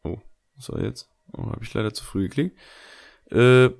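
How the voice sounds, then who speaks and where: Guy doing chill game commentary, lowish croaky voice, mutters questions to himself. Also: normal speed. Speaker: gaming video host. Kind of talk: casual let's play commentary.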